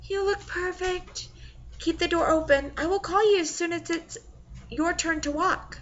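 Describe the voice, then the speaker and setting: A woman voicing an excitable young female best friend who talks high and teary. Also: unhurried, lo-fi sound, a little hiss or hum. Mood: gentle.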